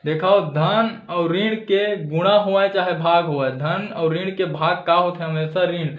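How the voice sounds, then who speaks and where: A man's voice: sits high, fairly even intonation, slow, roomy sound, muffled recording. A man with a Chhattisgarhi accent teaching a math lesson step by step, saying "okay" again and again and answering his own questions. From Chhattisgarh, India. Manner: says "theek hai" constantly, asks and answers his own questions.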